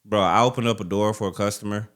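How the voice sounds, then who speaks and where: A man's voice: on the low side, fairly even intonation, quick pace. A man co-hosting a podcast, chatting casually in a slangy way. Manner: slangy, often tags lines with man, dog or bro. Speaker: podcast co-host. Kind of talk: casual chat.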